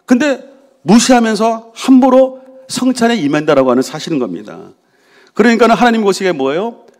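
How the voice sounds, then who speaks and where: A middle-aged pastor preaching a Sunday sermon in a church. His voice sits a little high for a man and swings widely in pitch as he talks. He asks the congregation questions and answers them himself, and sometimes acts out voices. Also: very animated, brisk, a little mellow. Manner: acts out voices of quarreling people. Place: church sanctuary.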